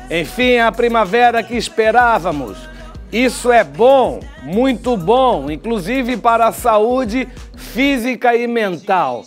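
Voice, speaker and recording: Older Brazilian male TV host, high-pitched, chatty and wry, lapel mic, faint music bed. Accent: Brazilian Portuguese. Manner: chatty, wry asides, drawn-out sign-offs. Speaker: TV commentator. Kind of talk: studio TV commentary. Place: TV studio.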